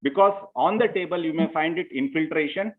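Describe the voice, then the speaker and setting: A man's voice: fairly high pitch, fairly quick. A man, a surgeon giving a conference lecture in a methodical, step-by-step way, often saying "you know" as he goes. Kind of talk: medical lecture. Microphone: remote call line. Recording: tinny phone-like call audio.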